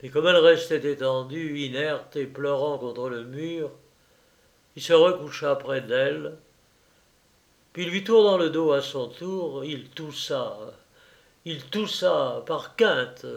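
Slow, deliberate male storyteller. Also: on the high side, gravelly. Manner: slow, deliberate dramatic reading. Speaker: narrator. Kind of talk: storybook reading.

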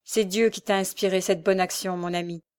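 A woman voicing a tender, devout poor young mother in an audiobook, speaking gently and earnestly. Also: mid-range voice, steady tone, a little fast, clear, resonant tone, natural voice. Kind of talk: audiobook character voice.

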